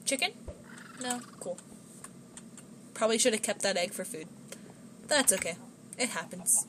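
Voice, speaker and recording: A woman's voice: medium pitch, animated, measured pace, background noise. A woman giving casual commentary while she plays a game, chatting to her pets in the game. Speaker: gameplay streamer. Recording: music playing behind.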